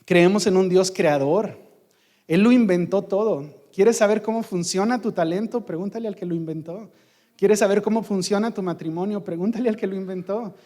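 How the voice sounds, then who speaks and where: A man's voice: high-pitched, normal speed, warm tone, in a large hall. A man preaching a sermon in church, emphatic, with rhetorical questions and repetition. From Mexico. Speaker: pastor.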